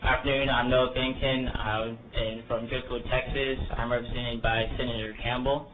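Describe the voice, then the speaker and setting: A man with a cold delivers earnest public testimony, his pitch held flat and even. He sits well back from the microphone, and the sound comes through thin and phone-like with a faint hiss. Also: normal speed, distant mic. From South Korea. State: has a cold. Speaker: citizen testifying.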